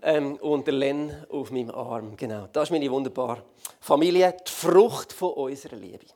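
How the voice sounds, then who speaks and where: On the stage of a large church hall, a guest pastor in his thirties, from Switzerland's Basel region, jokes around lively in Swiss German-accented speech, peppered with fillers. His voice is mid-range and his pace normal.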